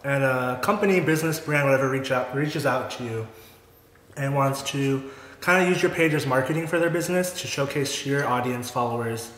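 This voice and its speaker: A man's voice: medium pitch, fairly quick, fairly bright tone. A man in his twenties hosting a casual eating vlog, chatty and upbeat, laughing often. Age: 20s. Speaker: vlogger host. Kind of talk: casual mukbang chat. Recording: echoey room, faint noise.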